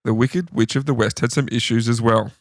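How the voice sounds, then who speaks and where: A man's voice: mid-range voice, fairly even intonation, a little fast, no room sound, studio quality. An Australian man co-hosting a podcast, casually telling trivia stories from his notes. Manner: storytelling, recounting trivia from notes. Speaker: podcast co-host. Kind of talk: casual chat.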